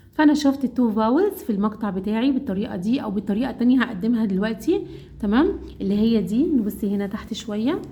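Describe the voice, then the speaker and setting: A woman's voice: fairly high pitch, mellow. A woman with an Egyptian Arabic accent teaching English phonics to mothers, asking and answering her own questions and drawing out vowel sounds. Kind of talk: explaining a phonics lesson to mothers.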